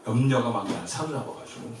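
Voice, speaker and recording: A man from Korea preaching a sermon as pastor, in a lively way that swings from emphatic to soft and gentle. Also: medium pitch, fast talker, noisy background. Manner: lively, shifts between loud and soft, quiet gentle quoted comfort. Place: church sanctuary. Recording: very echoey church from far off.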